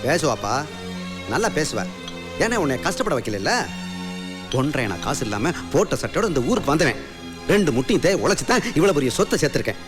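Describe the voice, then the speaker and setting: An actor playing a wealthy, stubborn old patriarch who scolds his family loudly. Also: medium pitch, in a large hall, lightly acted. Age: older. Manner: scolding, blustering.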